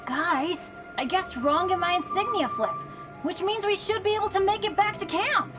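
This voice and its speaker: A woman's voice: extremely high pitch, moderate pace. A woman voicing an earnest, apologetic but upbeat teenage boy adventurer in a video game. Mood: upbeat, confident. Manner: boyish, earnest. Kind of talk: animated video game voice acting. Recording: music underneath.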